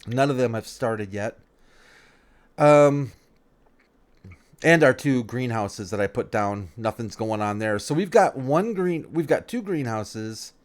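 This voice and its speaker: A man in a mid-range voice takes it slowly, giving casual let's-play commentary on a farming game. He thinks aloud, rambles, and often corrects himself mid-sentence.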